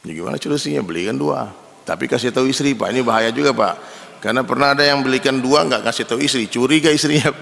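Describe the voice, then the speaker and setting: Gravelly preacher in a big echoing hall. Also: male voice, mid-range voice, rapid-fire. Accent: Indonesian. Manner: lively storytelling, addresses the men in the audience as "Pak". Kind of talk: sermon. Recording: long hall reverb.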